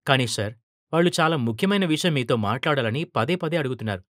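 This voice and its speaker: A man's voice: mid-range voice, lively intonation, fast talker, a bit bright, dry recording, studio quality, close to an everyday voice. A man voicing a dutiful male manager who speaks politely and deferentially to his boss.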